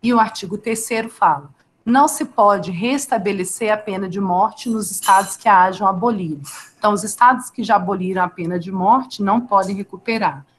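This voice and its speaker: Teaching law in a live online session, a Brazilian woman talks fairly quickly in a medium-pitched voice. She keeps things conversational, asking questions and addressing students by the names she sees in the chat.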